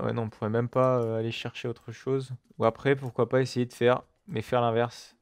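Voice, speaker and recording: A man talks through a building game at his computer in loose, chatty commentary. He swears freely and keeps turning to his viewers with fillers and asides. His voice is mid-pitched and recorded dry, with no room echo. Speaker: gaming video creator. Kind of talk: casual let's-play commentary.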